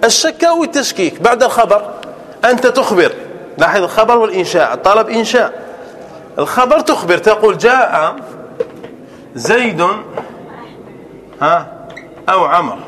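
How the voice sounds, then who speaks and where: High-voiced man teaching a grammar lesson. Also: big pitch swings, fairly bright tone, big-room sound. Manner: checks on students with frequent rhetorical questions; repeats example sentences slowly and breaks them into words. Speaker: sheikh teaching Arabic grammar.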